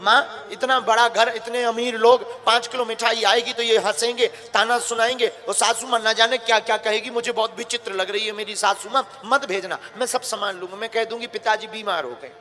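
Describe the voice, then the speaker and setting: A man's voice: very high-pitched, steady tone, brisk, few pauses, bright, forceful tone. A male preacher voicing a worried young daughter-in-law who pleads with her mother during a sermon story. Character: young newly married woman, anxious daughter-in-law. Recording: long hall reverb, faint music.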